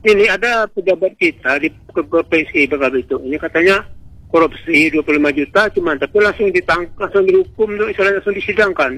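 An Indonesian man phones in to a radio show to share his opinion, his voice high-pitched, fast, a bit bright and husky. He's outspoken and rambling, often cutting himself off and starting over, and the sound comes through a telephone line into the broadcast.

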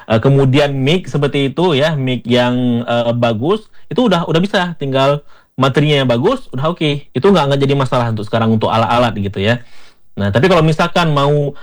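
A man's voice: mid-range voice, a little fast. A man from Aceh with an Acehnese accent, a guest explaining content creation in casual interview talk, often repeating words. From Aceh, Indonesia.

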